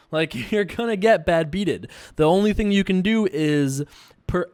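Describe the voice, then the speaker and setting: A Long Island, New York man with an American accent hosts a poker show, answering viewer questions in casual, rambling chat. His voice is a little high with a darkish tone, and he says "you know" a lot.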